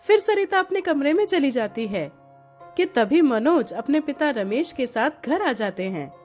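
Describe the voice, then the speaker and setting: A woman telling a moral story in an expressive, animated storybook narration. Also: high voice, unhurried, faint music behind.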